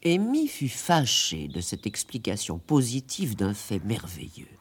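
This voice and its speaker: A man narrating a classic tale in a radio drama, with an expressive telling. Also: lowish voice, unhurried, husky. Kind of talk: scripted storybook narration.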